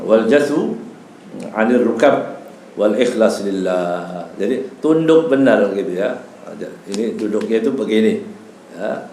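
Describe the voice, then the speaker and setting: A man's voice: lowish voice, mellow, a little hiss or hum. A man giving a mosque study talk as an Islamic preacher, explaining Arabic terms in casual speech and often adding a tag word. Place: mosque hall. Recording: echoey room with faint ambience.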